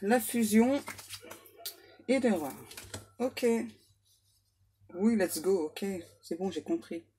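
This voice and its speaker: Slow-talking, chatty woman card reader. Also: medium pitch, lively intonation, warm tone, slight background noise. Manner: chatty and self-mocking, bantering aloud with her spirit guides. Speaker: medium doing card readings. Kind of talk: casual oracle card reading.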